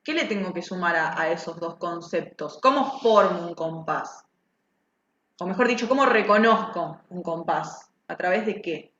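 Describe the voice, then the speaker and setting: A woman's voice: fairly low pitch, expressive, normal speed, a bit bright, slight background noise. A woman teaching music, explaining patiently and checking the class follows. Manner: patient, explanatory, asks "¿sí?" often. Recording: echoey, dull lo-fi sound.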